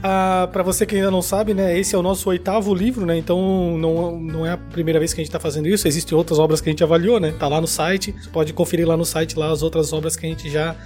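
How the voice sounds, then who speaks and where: Low-pitched Brazilian woman, casual podcast co-host. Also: little pitch movement, fast talker, hardly any pauses, dark tone, faint music behind. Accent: Brazilian Portuguese. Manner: informal, slangy. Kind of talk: casual book club chat.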